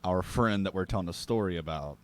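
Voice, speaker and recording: A man's voice: deep voice, fairly quick. A man co-hosting a podcast in casual chat, chiming in with wry joking asides. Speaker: podcast co-host.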